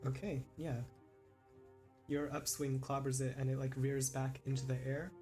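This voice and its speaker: A man narrating and ruling as game master of a tabletop game, in a relaxed, easygoing manner. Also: mid-range voice, normal speed, soft background music.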